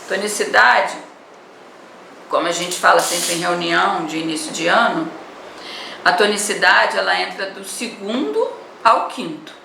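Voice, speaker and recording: Brazilian teacher with a gravelly, echoey voice. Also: female voice, lowish voice, lively intonation, a little slow, bright, forceful tone. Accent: Brazilian Portuguese. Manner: explanatory, repeats words and adds "né?". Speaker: primary school teacher. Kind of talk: online class lesson. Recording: echoey room, voice from a distance, faint noise.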